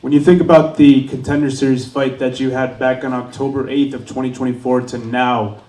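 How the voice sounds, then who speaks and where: A male reporter poses questions at a press interview. His voice is medium in pitch and sits away from the microphone. The room adds noticeable echo. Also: little pitch movement, a little fast, warm tone. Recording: roomy echo, distant from mic.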